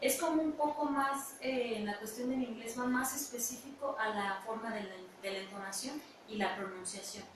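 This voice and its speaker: A woman's voice: a little high, moderate pace, hardly any pauses. A woman, an English teacher speaking as a radio guest, explaining with many fillers and restarts. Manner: hesitant, with fillers. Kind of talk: educational radio talk. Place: radio studio. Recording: echoey room, distant mic, noisy.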